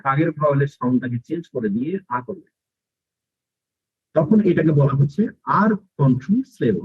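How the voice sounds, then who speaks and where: A man's voice: fairly high pitch, slightly rough, dry recording, narrow, tinny audio. A man teaching a phonics class to children online, explaining step by step and putting questions to his pupils. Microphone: video call.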